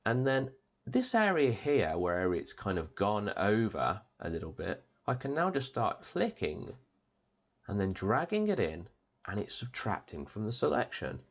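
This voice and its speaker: Man with a post-surgery strained voice. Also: fairly low pitch. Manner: chatty, upbeat, informal. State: voice strained after an operation. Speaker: tutorial host. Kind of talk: step-by-step software tutorial.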